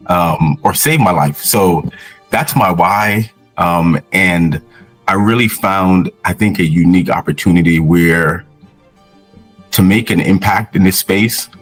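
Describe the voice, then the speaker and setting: Deep-voiced earnest man from Jamaica. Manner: earnest, measured storytelling with many fillers. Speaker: guest, physician. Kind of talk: casual interview.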